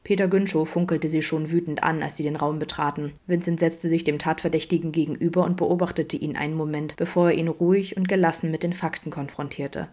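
A woman narrating a fan story as a podfic, steady and measured. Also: sits low. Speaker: podfic reader. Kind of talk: scripted narration.

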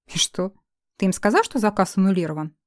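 A woman voicing the first-person heroine, an ironic, sharp-tongued young potion-maker who answers her friend with dry mockery and firm commands. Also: medium pitch, big pitch swings, a little fast, no echo, close to an everyday voice.

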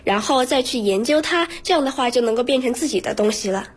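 A woman's voice: a little high, animated, fast, slightly rough. A teenage schoolgirl answering interview questions earnestly in a radio studio, with frequent fillers. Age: teens. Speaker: student guest.

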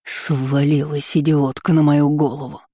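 A woman's voice: low voice, level tone, a little slow, dark tone, no room sound, studio quality. A woman voicing an angry, impatient uncle who hisses threats. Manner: hissing, impatient. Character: angry scraggly-bearded uncle in a tight suit.

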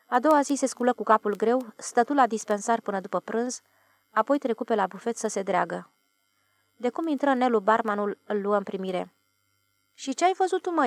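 A woman's voice: medium pitch, vocal fry, dry recording. Woman reading an audiobook, dry sound. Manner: steady, measured storytelling. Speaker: audiobook narrator. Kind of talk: scripted audiobook narration.

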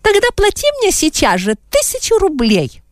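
A woman's voice: high-pitched, wildly swooping pitch, moderate pace, no room sound, studio quality, voice pushed up. A woman voicing a grasping older woman who questions sharply and makes demands. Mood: demanding. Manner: demanding, inquisitorial.

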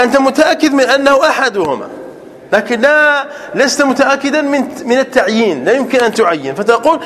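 A man with a notably high voice leads a classroom grammar lesson as a sheikh. He works patiently through examples, saying them slowly word by word. He keeps asking his students whether they follow. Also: a bit bright, in a large hall. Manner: checks on students with frequent rhetorical questions; repeats example sentences slowly and breaks them into words. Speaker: sheikh teaching Arabic grammar.

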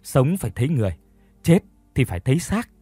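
A man's voice: medium pitch, very animated, quick pace, warm tone, slightly rough, no echo, faint music behind. A man voicing a remorseful older village man who pleads humbly. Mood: pleading.

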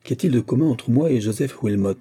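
A man's voice: medium pitch, expressive, fast, dark tone, slightly rough. A man doing a sneering escaped convict. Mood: mocking. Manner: taunting, sneering. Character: mocking escaped male convict, sly and insolent.

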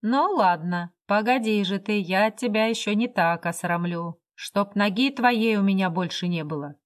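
A woman reading the part of a drunk, coarse man who gives rough, sneering commands. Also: medium pitch, normal speed, natural voice. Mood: threatening.

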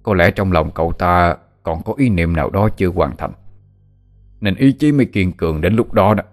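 A man's voice: low voice, normal speed, soft background music, close to an everyday voice. A man doing a tired, kind old doctor. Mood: grave. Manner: calm, reassuring. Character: tired older male doctor, calm and kind.

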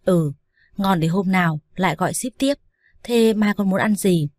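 Gruff dad-in-law read by a woman, terse, dry humor, dead-dry recording. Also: mid-range voice, normal speed, a little mellow, no room sound, close to an everyday voice. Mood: curt. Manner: curt, dryly joking. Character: gruff but caring middle-aged father-in-law.

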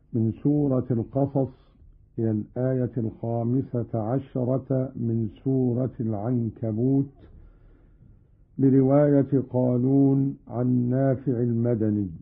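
A man giving a radio lesson on Quran reading variants, explaining slowly and reciting examples. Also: medium pitch, phone-quality sound. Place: radio studio.

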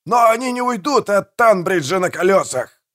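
Man doing a loud, greedy pirate mayor. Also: high voice, sing-song, moderate pace, pitched above the performer's own voice. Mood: gloating. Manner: loud, barking orders.

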